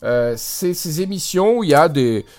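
A man's voice: a little high, expressive, moderate pace, darkish tone. A man co-hosting a podcast in casual chat, talking enthusiastically with frequent hesitations, recorded over a Skype call. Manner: enthusiastic, hesitant with many fillers. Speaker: podcast co-host.

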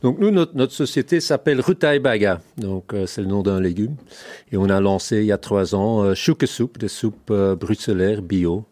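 A man's voice: on the low side, moderate pace, darkish tone, no echo. A man with a Flemish accent, a native Dutch speaker, talking as a guest in a radio interview, hesitant with many fillers. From Flanders, Belgium. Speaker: guest, soup company founder.

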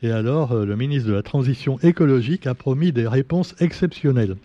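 A man's voice: mid-range voice, expressive, a little fast, no room sound. A man hosting a casual press review, chatty and sarcastic, with many fillers and asides. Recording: dull lo-fi sound.

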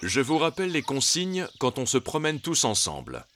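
A man's voice: mid-range voice, huge pitch swings, slight background noise, voice pushed up. A man voicing a cheerful, joking father boar in a storybook. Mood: firm. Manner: slow, bright, playful put-on voice. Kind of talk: storybook reading.

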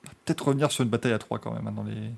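A man's voice: lowish voice, steady tone, rapid-fire, vocal fry. A man hosting a motorsport podcast, chatting casually and joking, rambling with frequent restarts. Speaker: podcast host.

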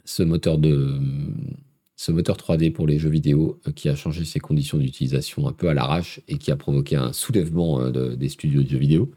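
A man's voice: a bass voice, steady tone, brisk, dark tone, slightly rough. A man with a cold and a blocked nose hosts a live tech news show in French, talking casually with many hesitations. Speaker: host.

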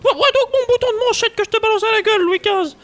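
A man's voice: extremely high pitch, fast talker, fairly bright tone. A man playing a stammering, giggly auditioner who reads a pompous king's lines in a comedy sketch. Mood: bossy.

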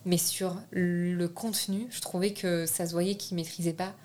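Guesting in a relaxed interview, a young French filmmaker speaks in a slightly low voice. She often hesitates, uses fillers and restarts sentences while searching for words, against slight background noise.

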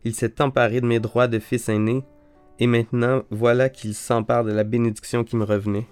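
A man's voice: medium pitch, level tone, normal speed, darkish tone, clear, resonant tone, soft background music, lightly acted. A man reading the part of a cheated elder son, with raised, imploring appeals. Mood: bitter. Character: elder son Esau, bitter and pleading.

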